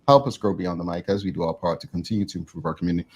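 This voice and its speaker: A man's voice: deep voice, racing, a little mellow, husky, highs cut off. A man co-hosting a casual talk show, chatty and joking with his guest.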